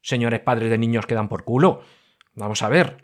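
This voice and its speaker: A middle-aged man hosts his podcast in a casual, venting monologue. He swings from loud, animated outbursts to low muttered asides. His voice sits at a moderate, ordinary pitch. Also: normal speed. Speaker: podcast host.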